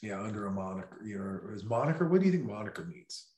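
A man's voice: fairly low pitch, sing-song, fast, mellow, reverberant, a little hiss or hum. A man hosting a podcast, chatting casually and rambling through jokey stories, laughing often. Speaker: podcast host. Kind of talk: casual chat.

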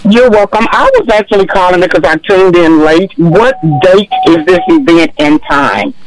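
A man heard over the phone line as a radio caller, his voice sitting high for a man. He speaks politely and gets straight to his question. A faint hiss runs under the call. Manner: polite, asking a quick question.

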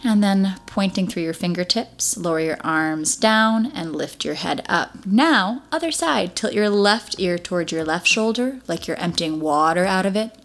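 A woman's voice: on the low side, lively intonation, normal speed, hardly any pauses. A woman working as a Pilates instructor, guiding an exercise class with encouraging, step-by-step cues.

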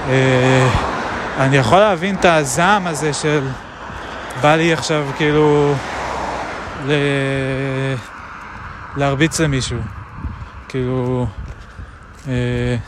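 A man recording a reflective spoken diary outdoors, musing aloud with many pauses and hesitations. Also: medium pitch, steady tone. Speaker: video diarist. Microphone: action camera. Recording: traffic noise outdoors.

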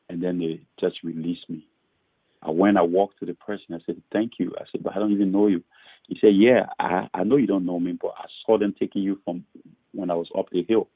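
A man's voice: sits low, breathy edge, dry recording. A man from Liberia, a pastor and author, earnestly telling his testimony in a podcast interview and often repeating his first words. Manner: earnest, repeats words when starting sentences. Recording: muffled phone-like line.

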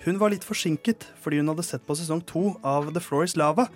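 A man's voice: fairly high pitch, soft background music. Man reading a silly fairy tale. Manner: storytelling with acted voices and laughs.

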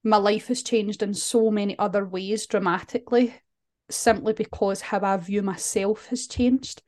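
A woman's voice: mid-range voice, steady tone, moderate pace, a little mellow. Earnest woman, candid guest. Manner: earnest, candid, frequent restarts. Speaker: podcast guest and client. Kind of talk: podcast conversation.

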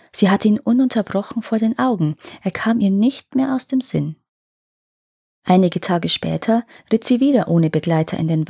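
A woman reading a fairy tale aloud in calm, measured narration. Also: medium pitch, vocal fry, breathy edge, no room sound, clean studio sound. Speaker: storyteller.

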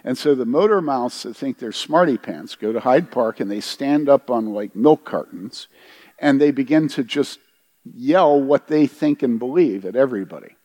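A man's voice: lively intonation, moderate pace, mellow. A middle-aged pastor from the United States telling a story in a conversational sermon, questioning his listeners and acting out the quoted voices. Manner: conversational, asks the congregation questions; acts out quoted voices with big pitch jumps.

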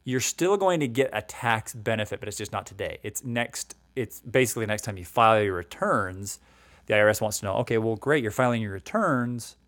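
A financial educator in his forties explains retirement savings and taxes conversationally, in a lowish, fairly bright voice that's animated and a little fast. The recording has no room sound. He often checks in with "right?" and restarts his sentences.

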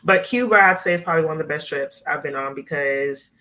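On a poor recording, a Miami woman in her thirties talks fast in a low-pitched, sharp-toned voice. She's a nurse practitioner guesting on a podcast, keeping the interview casual and sprinkling in plenty of "like" and "you know".

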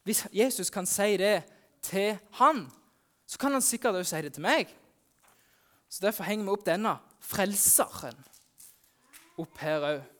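A man, a youth pastor, telling the Easter story in first person at a family church service, lively and exclaiming as he talks to the children. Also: high-pitched, pauses often.

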